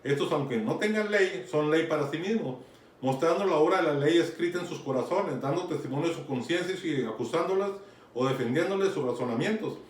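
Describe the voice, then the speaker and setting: Brisk and lively in intonation, a fairly high-pitched man preaches a conversational Bible sermon in a Mexican accent, often checking in with those listening. The sound is far off and echoey, with faint noise.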